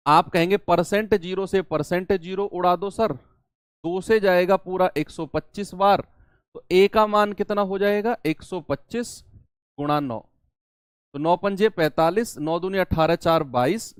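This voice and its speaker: A young male maths teacher with a smooth, clear voice that sits fairly high for a man. He talks slowly and patiently, putting questions to his students and answering them himself at each step. The sound is close and dry. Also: no room sound. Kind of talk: exam-prep maths lesson.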